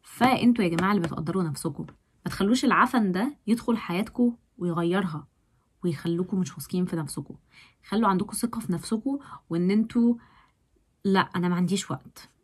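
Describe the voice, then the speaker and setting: Fast-talking Egyptian woman vlogger. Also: medium pitch, breathy edge. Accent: Egyptian Arabic. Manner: emphatic and lively, with sudden loud stresses. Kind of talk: motivational talk to camera.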